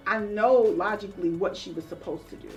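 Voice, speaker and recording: A woman's voice: medium pitch, steady tone, a little fast. Woman counselor guest, earnest storyteller, slightly distant mic, faint music bed. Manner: earnest and reflective, acting out remembered voices. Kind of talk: interview storytelling.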